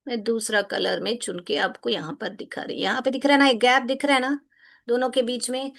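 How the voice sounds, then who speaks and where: A woman's voice: a little high, steady tone, brisk, creaky, a bit bright. A woman teacher explaining a grammar lesson to children, patiently repeating questions and mixing Hindi with English phrases. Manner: patient, repeats questions to students, calls them beta.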